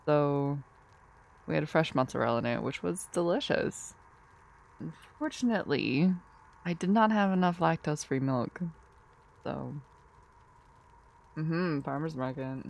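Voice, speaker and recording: Just woken from a nap, a woman streamer chats drowsily with viewers and answers chat in a sleepy, giggly, rambling way. Her voice is low-pitched, expressive, creaky and a little mellow, unhurried with long pauses.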